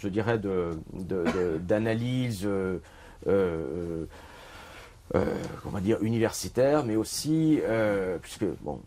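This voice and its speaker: A man's voice: deep voice, expressive, slow pace, warm tone, a little hiss or hum. A middle-aged man from Switzerland, an author presenting his book in a bookshop, talking with many fillers and restarts. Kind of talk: bookshop talk.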